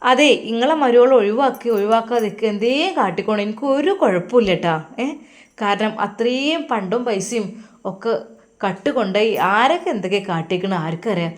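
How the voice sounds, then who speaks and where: A woman voicing a sharp-tongued, scornful middle-aged mother with a Malappuram Malayalam accent, talking loud and high. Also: brisk, lightly acted. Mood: scolding. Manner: shrill, loud and scolding.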